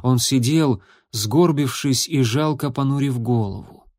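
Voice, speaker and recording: A man narrating an audiobook in an even, measured way. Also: medium pitch, no room sound, clean studio sound. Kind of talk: scripted narration.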